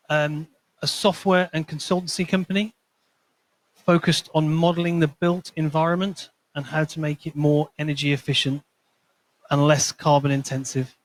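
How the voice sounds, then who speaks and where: A consultancy manager with a fairly high-pitched voice speaks to a conference audience, weaving in some storytelling and light humor as he explains. He doesn't have a Scottish accent, and the recording is dry and rough.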